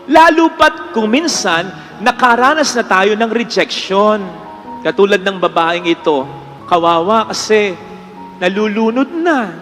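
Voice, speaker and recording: Man, priest, earnest homily, very high voice, long church echo, faint music behind. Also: a bit bright. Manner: earnest, emphatic, mixes English phrases. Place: church with congregation.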